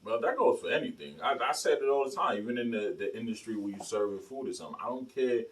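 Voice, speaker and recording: A man's voice: lowish voice, lively intonation, fast talker, recorded from a distance, poor audio. A man co-hosting a podcast in casual chat, blunt and profane, asking pointed questions. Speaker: podcast co-host.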